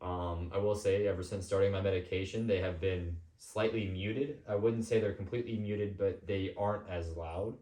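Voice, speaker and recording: A man hosting a podcast, talking casually and personally in an informal, somewhat halting way. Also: low voice, steady tone, warm tone. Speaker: podcast host. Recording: echoey room.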